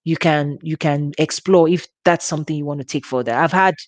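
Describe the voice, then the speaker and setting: Here a female ministry host with a Nigerian accent talks informally while teaching, laughing and restarting often in a chatty manner. The voice is low-pitched and fairly quick, and the recording is dry.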